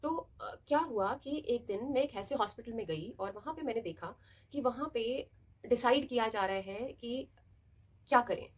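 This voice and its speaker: A woman's voice: fairly high pitch, normal speed. A young adult woman hosting a self-help video, talking casually and expressively and acting out little scenes as she explains. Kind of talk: casual motivational talk to camera.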